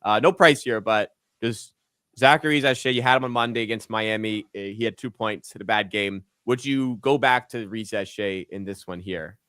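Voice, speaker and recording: Smooth and slightly bright, this lowish voice belongs to a man in his twenties who hosts a casual sports betting podcast. At a moderate pace, he chats and reads listener questions in an easygoing, filler-heavy way, captured in clean, echo-free studio sound.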